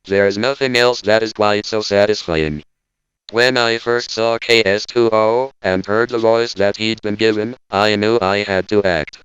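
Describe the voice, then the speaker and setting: A man playing an indignant robot spokesman who delivers a stiff, deadpan lecture in a smooth, resonant voice. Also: lowish voice, unhurried, dry recording, muffled recording. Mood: stern. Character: indignant male robot spokesman, cold and logical. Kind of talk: scripted parody monologue.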